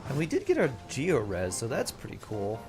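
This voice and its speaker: A man's voice: medium pitch, huge pitch swings, normal speed, a little mellow, faint music behind. A man streaming a game casually, thinking aloud and chatting to viewers, with playful sing-song sound effects.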